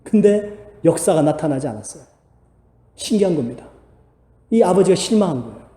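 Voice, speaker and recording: Earnest pastor preaching in a reverberant hall. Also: male voice, fairly high pitch, sing-song, fairly quick, dark tone. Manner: earnest preaching, rising to emphatic exhortation. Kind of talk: sermon. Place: church sanctuary. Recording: echoey church hall, long reverb.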